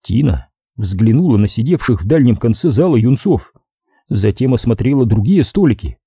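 Man narrating an audiobook, dark husky voice. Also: mid-range voice, animated, normal speed, no echo, clean studio sound. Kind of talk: scripted narration.

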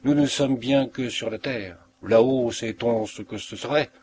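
A man's voice: mid-range voice, measured pace, a little mellow, slight background noise, lightly acted. A man voicing an anxious, frightened mother in a read-aloud story, speaking with a tense, unsteady manner. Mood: gentle.

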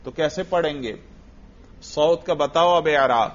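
A man teaching an Arabic grammar lesson, questioning a student and repeating the answers. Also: fairly high pitch. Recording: dull lo-fi audio.

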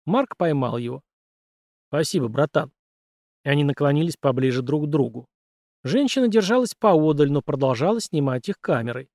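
A male audiobook narrator with a fairly high voice, reading steadily and expressively. The sound is dry and close, with no room around it. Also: animated, brisk, a little mellow, dry recording.

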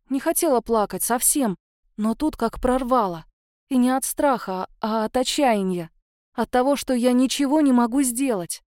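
Woman reading a spooky story out loud, kinda high voice, dry close mic. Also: no echo. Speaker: audiobook narrator. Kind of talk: first-person story narration.

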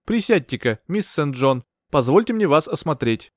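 A man doing a smooth, condescending psychiatrist. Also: a little high, big pitch swings, normal speed, dry recording, studio quality, pitched above the performer's own voice. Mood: soothing. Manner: unruffled professional tone. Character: calm, condescending male psychiatrist. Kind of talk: audiobook character voice.

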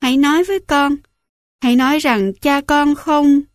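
A woman reads a scared young soldier, pleading and high-pitched, dry close sound. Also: dry recording, lightly acted. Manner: pleading, rushed questions. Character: anxious young man, a soldier cook on the phone.

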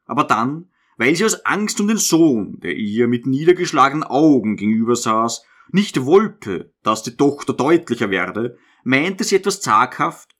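Brief: male narrator, lively intonation, measured literary reading. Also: mid-range voice.

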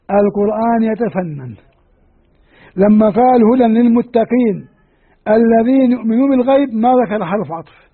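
A man's voice: very high voice, slightly rough. A male religious teacher giving a patient grammar lecture, asking his students questions as he explains. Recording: tinny lo-fi phone-like recording.

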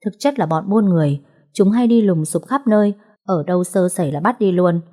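A woman narrating a story in a calm, even, scripted storytelling manner. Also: medium pitch, fairly quick.

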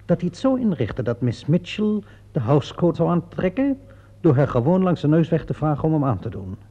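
An actor voices a cunning, persistent inspector in a radio drama, questioning a suspect with sly, pointed, falsely courteous deliberation and an air of confidence. His fairly high male voice is very animated with a breathy edge. The old recording is muffled and dull.

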